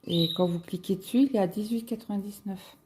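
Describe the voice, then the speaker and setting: A woman chatting casually as a cross-stitch vlogger, musing aloud with halting fillers as she browses shops online. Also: mid-range voice, noisy background. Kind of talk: casual screen-share chat.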